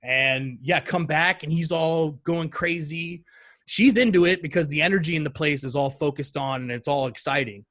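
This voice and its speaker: A podcast guest in his thirties tells a story in casual chat at a moderate pace, animated throughout and acting out quoted lines in a higher voice.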